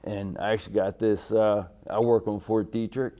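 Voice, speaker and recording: A middle-aged American man, a military veteran, recalling his service in an interview in a halting, polite way. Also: fairly low pitch, fairly even intonation, warm tone. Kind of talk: oral history interview, recalling army service.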